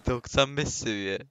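A man giving casual, self-mocking commentary while playing a game, talking to himself and his viewers and bursting into excited shouts. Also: mid-range voice, noisy background. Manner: self-mocking, laughs often. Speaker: gameplay streamer.

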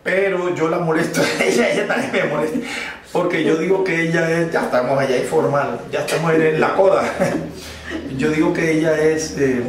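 A man's voice: fairly high pitch, fairly even intonation, moderate pace, crowd noise. A middle-aged Colombian man chatting playfully and teasingly as an interviewer. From Santa Marta, Colombia, long living in Bogotá. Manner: teasing, jovial, often chuckling. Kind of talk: playful casual chat. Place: living room with piano, indoors. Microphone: camera a few meters away. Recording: very echoey room, distant mic.

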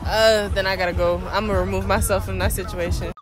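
A woman's voice: mid-range voice, little pitch movement, fast, over music. A young woman answering street interview questions at night, confident and laughing. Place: outdoor parking lot at night.

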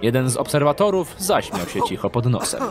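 With a mid-range, sing-song voice, a man narrates a scripted dark fantasy audio drama, telling the story in a measured way.

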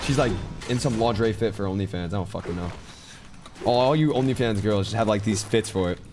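An eighteen-year-old man streaming a game, talking fast and swearing as he loudly protests. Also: fairly low pitch, slight background noise. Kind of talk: casual chat while gaming.

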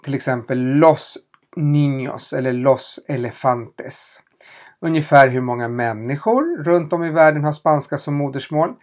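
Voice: medium pitch, a little mellow. A language teacher running a question-and-answer lesson, spelling out letters and repeating them patiently, with small hesitations while explaining.

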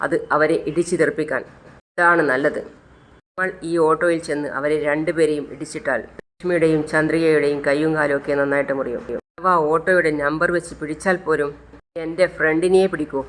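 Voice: mid-range voice, flat delivery, brisk, a bit bright, lightly acted. A storyteller voicing a boastful, reckless man in a retold serial plot. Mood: boasting.

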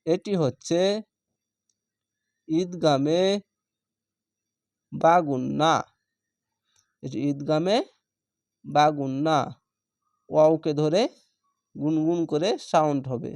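A man teaches Quran reading patiently, spelling out each syllable before he stretches the whole word long. His voice sits fairly high and moves at an unhurried pace. The sound is dry and close. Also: steady tone, vocal fry, a little mellow, no echo. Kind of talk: step-by-step spelling lesson.

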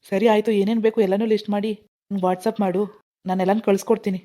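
Cartoon husband, woman's voice: calm and agreeable, mellow tone, brisk delivery. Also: medium pitch, lightly acted. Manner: easygoing, reassuring. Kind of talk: animated cartoon voice acting.

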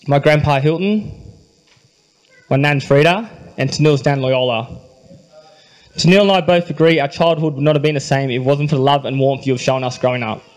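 A young Australian man reading his wedding speech into a handheld microphone at a reception, with dry humor and a quietly emotional delivery. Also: mid-range voice, low-quality recording. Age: young adult. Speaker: groom giving a wedding speech. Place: wedding reception hall, indoors.

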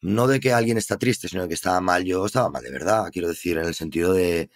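A man with a Spain Spanish accent speaks in a fairly low voice. He tells his story as a podcast guest in an earnest, reflective way, unhurried and conversational. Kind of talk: casual conversation.

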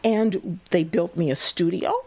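A woman in her eighties, a guest who hosts a cooking show, telling her story in an interview with lively energy and frequent laughs. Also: lowish voice, unhurried, vocal fry, husky. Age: 80s. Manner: lively, laughing, acts out quoted voices.

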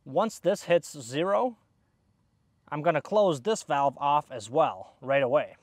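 Man, fairly high voice, dry close recording, outdoor how-to, step-by-step explanation. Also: animated, slow, dry recording. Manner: explains step by step while working. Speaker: HVAC technician. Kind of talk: hands-on tutorial. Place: outdoors by an AC unit.

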